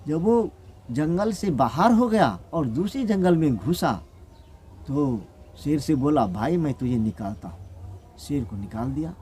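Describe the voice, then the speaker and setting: A man's voice: fairly high pitch, animated, unhurried, dark tone, breathy edge. Rustic male folk storyteller. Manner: plain rustic, repetitive phrasing. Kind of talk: oral folk tale telling.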